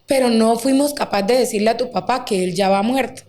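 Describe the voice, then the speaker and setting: A woman, a guest recounting a deeply painful personal story, acting out quoted dialogue with many fillers. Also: brisk, darkish tone. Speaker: interview guest. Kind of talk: emotional personal testimony.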